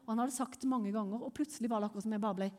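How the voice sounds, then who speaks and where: Norwegian lady preaching, animated storyteller, fairly high voice, big hall echo. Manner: animated storytelling, quick rises when excited. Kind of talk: sermon with personal testimony. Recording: long hall reverb.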